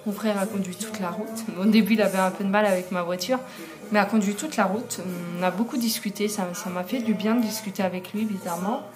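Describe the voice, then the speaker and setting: A woman's voice: mid-range voice, fairly even intonation, quick pace, music in the background. A young woman telling a story in a casual vlog, chatty, with many fillers and frequent laughs. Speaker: vlogger.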